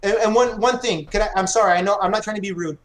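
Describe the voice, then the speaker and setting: Brief: man in his forties, high-pitched, combative debater, boastful, keeps calling people brother. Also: fast talker, low-quality recording. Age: 40s. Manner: combative, boastful, repeatedly calls others brother. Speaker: debate guest. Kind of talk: heated online debate.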